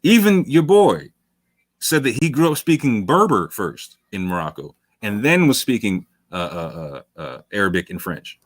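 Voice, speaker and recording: A male talk show host with a lowish voice and big pitch swings delivers long, emphatic commentary at a moderate pace late in a livestream, with no echo. He repeats phrases for stress, calls his listeners "fam," and sounds worn out from hours on air.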